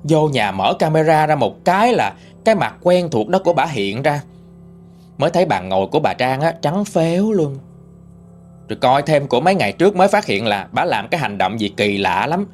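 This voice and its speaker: A man with a Southern Vietnamese accent reading a first-person story in a lively, gossipy way. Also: on the high side, brisk, soft background music. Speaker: ghost story reader.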